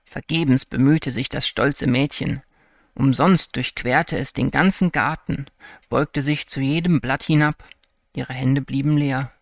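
A man reading a fairy tale aloud in a calm, even storytelling manner. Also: medium pitch, a little slow, vocal fry, dry recording, studio quality. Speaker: narrator. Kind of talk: scripted fairy-tale narration.

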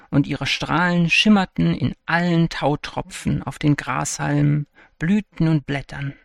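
A man reading a fairy tale aloud in a calm, even storytelling manner. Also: a little high, vocal fry, dry recording, clean studio sound. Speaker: narrator. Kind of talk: scripted fairy-tale narration.

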